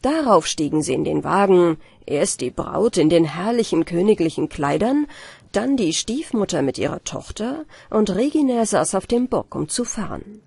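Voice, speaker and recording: A woman narrating a fairy tale as an audiobook for falling asleep, in a calm, measured storytelling manner. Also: on the low side, creaky, husky, no room sound. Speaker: audiobook reader.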